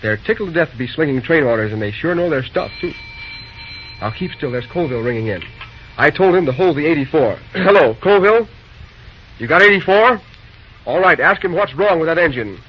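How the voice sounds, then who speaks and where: An actor playing a busy young railroad dispatcher in an old-time radio drama, talking briskly in folksy slang. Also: male voice, fairly high pitch, animated, lightly acted. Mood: friendly, busy, then brisk, urgent. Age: young adult. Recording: dull, noisy old radio recording.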